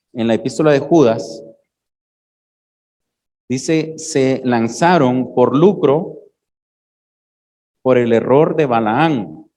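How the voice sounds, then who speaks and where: A man delivers a sermon in a voice that sits a little above the usual male range. He moves through scripture passages one step at a time, often pausing to check that the congregation is following. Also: a little high, a little mellow. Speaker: preacher.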